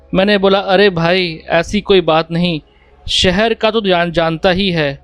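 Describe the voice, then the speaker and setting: A man's voice: high voice, dry recording. A man narrating a first-person horror story in a plain storytelling manner, speaking the dialogue in his own voice. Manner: plain storytelling, voicing dialogue without changing voice. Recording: dry close mic with faint music behind. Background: faint background music.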